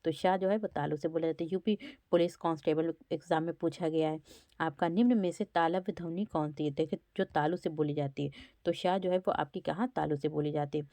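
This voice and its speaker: A woman's voice: low-pitched, steady tone, brisk, dark tone, dry recording. A woman teacher going through exam quiz questions one by one, sounding out each letter aloud to show where it is spoken from. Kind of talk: exam-prep lesson.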